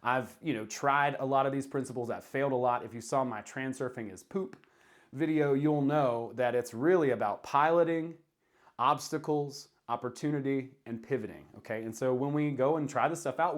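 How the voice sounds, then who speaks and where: A man's voice: mid-range voice, moderate pace. A man speaks in a mid-range voice with a Southern US drawl. He explains things informally, as a video creator talking straight to viewers. His delivery is conversational, with emphasis on the points that matter to him. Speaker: self-help video creator. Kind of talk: casual explanatory talk to camera.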